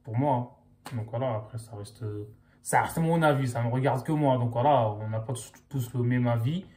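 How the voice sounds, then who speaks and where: Slangy young man, mellow voice. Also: mid-range voice, normal speed. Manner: slangy, loose, filler-heavy talk. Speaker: vlogger. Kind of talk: casual chat to camera.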